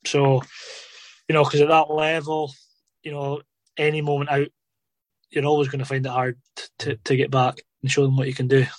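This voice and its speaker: A man's voice: mid-range voice, completely flat delivery, moderate pace, long pauses, no room sound. A man telling stories in an interview about his days as a footballer, rambling casually with lots of fillers like "obviously" and "you know". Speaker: former footballer guest.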